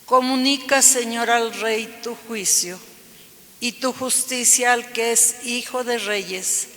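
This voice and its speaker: A cantor at mass, a man with a very high voice, recites the psalm in a slow, measured way and sings the alleluias. His bright tone is carried by a long cathedral echo. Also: steady tone. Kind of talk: liturgical reading with sung refrains. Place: large church. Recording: long church reverb.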